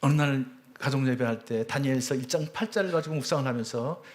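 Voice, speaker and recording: Man, fifties, church elder, spoken testimony, earnest storyteller, climbs high when moved, sinks to a hush. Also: fast talker. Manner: earnest storytelling, voice swelling high on emotional peaks; drops to a hushed near-whisper at tender moments. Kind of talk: personal testimony talk.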